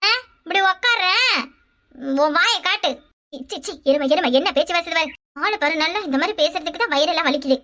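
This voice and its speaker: A woman voicing a loud, fretful village mother in a cartoon, with a Kanyakumari Tamil accent and a shrill, scolding manner. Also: fairly quick. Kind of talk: cartoon voice acting.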